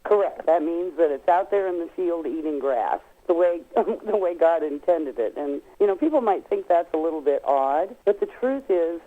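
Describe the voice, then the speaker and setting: Over a tinny, narrow-band telephone line, a woman who is a guest expert on nutrition products gives explanatory answers. Her lowish voice is expressive and moves at a moderate pace with few pauses, and her manner is emphatic and folksy, stretching out key words.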